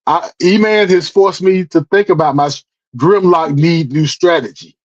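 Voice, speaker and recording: A man in his forties talks casually as a guest, easygoing and quick to chuckle. His voice is notably high. The sound is dry and dull, like lo-fi call audio. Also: dry recording. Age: 40s. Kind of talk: casual chat.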